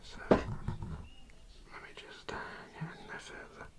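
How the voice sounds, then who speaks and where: Soft, hesitant instructions come at an unhurried pace from someone whispering breathily, with creaky edges, in an ASMR dentist roleplay.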